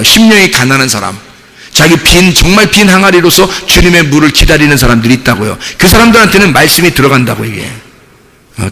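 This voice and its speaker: A male pastor preaching a sermon, telling his story with lively delivery and acting out prayers and the answers he received. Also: fairly high pitch. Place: church sanctuary. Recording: long hall reverb.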